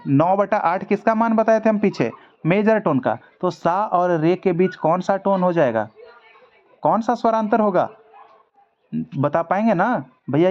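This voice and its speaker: A man teaching music theory in a casual video lesson, chatty and repetitive, talking to viewers like friends. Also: sits high. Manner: chatty, addresses viewers as brother, repeats ठीक है. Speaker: online music exam tutor. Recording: dull lo-fi audio.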